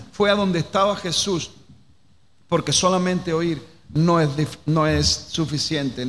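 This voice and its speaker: A man from preaches a sermon in a fairly high voice. He keeps asking the listeners direct questions and repeats his phrases. The sound carries a long hall reverb with a faint noise underneath. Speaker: pastor.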